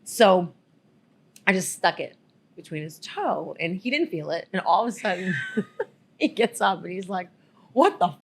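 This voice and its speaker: Woman podcast co-host, animated and giggly, husky-breathy tone. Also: lowish voice, moderate pace, pauses often. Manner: giggly, rambling, animated storyteller. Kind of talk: casual storytelling chat.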